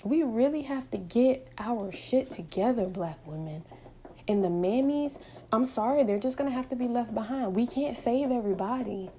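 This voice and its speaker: A woman in her twenties vlogs from home, delivering an impassioned, emphatic, opinionated monologue straight to camera, packed with rhetorical questions. Her expressive voice sits on the high side with a dark tone and moderate pace, over slight background noise.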